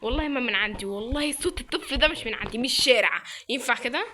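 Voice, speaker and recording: Excitable Egyptian woman gaming host. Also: on the high side, racing, a little hiss or hum. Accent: Egyptian Arabic. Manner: excitable, exclaiming and reacting loudly. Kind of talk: casual gaming commentary.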